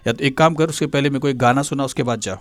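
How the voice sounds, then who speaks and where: A man's voice: medium pitch, steady tone, fast talker, no room sound, lightly acted. A man voicing a stern, bossy male schoolteacher who scolds his pupil in a classroom story. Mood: scolding. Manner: scolding, gruff classroom commands.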